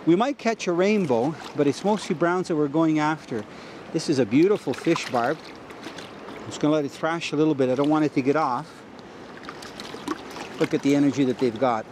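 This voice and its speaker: Steady water noise fills the background as a middle-aged fishing host talks on location by a mountain river. He's enthusiastic and explanatory, brisk yet pausing often, and his voice sits a little high for a man.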